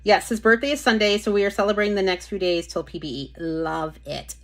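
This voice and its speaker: A woman's voice: mid-range voice, a little fast, fairly bright tone. A woman hosting a casual live stream about nail polish, chatting with viewers, reading their comments aloud and getting easily sidetracked. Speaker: livestream host showing nail polish.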